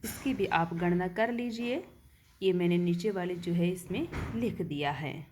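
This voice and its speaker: A woman's voice: lowish voice, measured pace, darkish tone, slight background noise. A woman teaching a Hindi verse-meter lesson, counting syllables aloud and answering her own questions.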